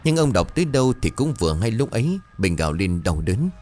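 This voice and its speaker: A man narrating a scripted horror story in a dramatic, expressive way. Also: fairly low pitch, a little fast, faint music behind.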